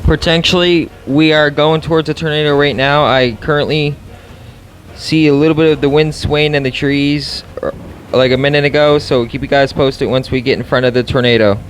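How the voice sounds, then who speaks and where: A storm chaser and video host narrates casual play-by-play for his vlog, speaking straight to his viewers and repeating short phrases. His voice is a little high and steady, at a moderate pace, with slight background noise.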